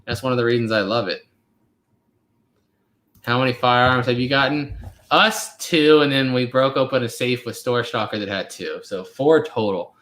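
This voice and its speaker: A man's voice: medium pitch, normal speed, a bit bright. A man in his twenties hosting a casual live question-and-answer chat, rambling along with lots of fillers. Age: 20s. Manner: laid-back, rambling with many fillers. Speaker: channel host. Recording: roomy echo.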